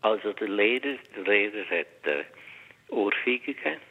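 A man in his sixties with a Biel-Solothurn Swiss German accent, calling in to a radio show and telling his story in a halting, hesitant way. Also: lowish voice, animated. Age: 60s. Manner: halting, hesitant, full of pauses. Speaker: radio caller. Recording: muffled phone line with reverb.

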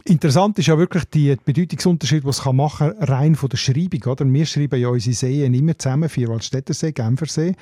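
A man with a Swiss German accent, a linguist talking through language questions in a relaxed radio conversation, often checking in with a questioning "oder?". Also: mid-range voice, fast talker, few pauses, dry recording, clean studio sound. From Switzerland. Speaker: linguist on a radio dialect show.

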